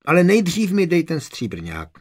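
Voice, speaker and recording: A wary little boy, earnest and a bit blurting, with a faintly husky, breathy edge, as a male narrator puts him on. Heard in a storybook audiobook, his voice is a little raised from the reader's own. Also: a little high, huge pitch swings, darkish tone, voice pushed up.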